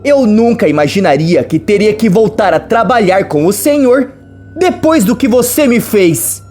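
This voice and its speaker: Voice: medium pitch, sing-song, a little slow, a little mellow, faint music behind, voice pushed up. A narrator reading a defiant young heroine, firm and sarcastic.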